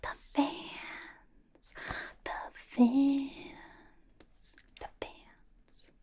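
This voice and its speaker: A woman playing Zoey, a bubbly, doting older-sister K-pop idol, in an encouraging, whispered ASMR roleplay with a breathy voice. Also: high voice, level tone, drawn-out words, warm tone. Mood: encouraging, playful. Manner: encouraging, rambling, playfully reassuring. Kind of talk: ASMR roleplay with personal attention.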